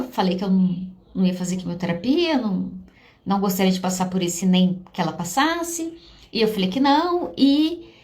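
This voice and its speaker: Brazilian woman psychologist telling a story. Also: fairly high pitch. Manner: warm storytelling, voice catching with emotion at times. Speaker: psychologist host. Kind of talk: emotional personal talk to an audience.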